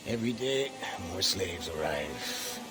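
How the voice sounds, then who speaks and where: An actor plays the earnest leader of freed slaves in a video game cutscene, resolute and deliberate, sprinkling in French Creole proverbs while music plays. He speaks slowly in a low-pitched voice with lively intonation.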